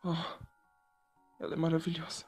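A man voicing a shy, sweet young male photographer in a whispered role-play, talking softly and bashfully to the listener. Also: on the high side, monotone, moderate pace, over music, close to an everyday voice. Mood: gentle. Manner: soft, gentle and bashful, addressing the listener.

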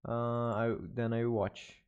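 This young Brazilian man's medium-pitched voice is completely flat, unhurried, clear and resonant, though the audio sounds dull. A native Portuguese speaker with a Brazilian Portuguese accent, he chats casually in halting English with live stream viewers, often correcting himself. He's indoors at a bedroom streaming setup, using a desk studio mic and headphones.

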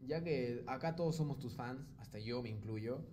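Playful flattering male streamer. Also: normal speed. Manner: playful, flattering, drops to a soft low voice. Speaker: streamer on a video chat. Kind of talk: casual flirty video chat. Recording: faint background noise.

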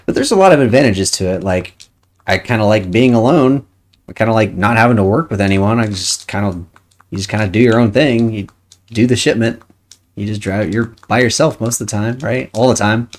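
A woman's voice: very deep voice, a little fast, a little mellow. A woman streaming a video game, chatting casually and thinking aloud as she plays. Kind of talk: casual chat while playing a game.

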